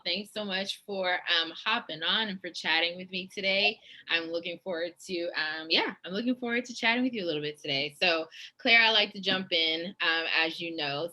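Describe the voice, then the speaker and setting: A woman's voice: lowish voice, moderate pace, sharp tone. A woman hosting a casual interview over a video call, chatty and bubbly, laughing often. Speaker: host, fashion stylist.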